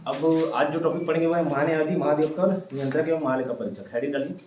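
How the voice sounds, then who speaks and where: A man teaches a class, dictating headings and spelling terms out word by word. His voice sits a little high, and it sounds distant and roomy, with a faint hiss behind it. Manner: dictates slowly, spells out words. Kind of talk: dictating a polity lesson to students. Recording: echoey room, voice from afar.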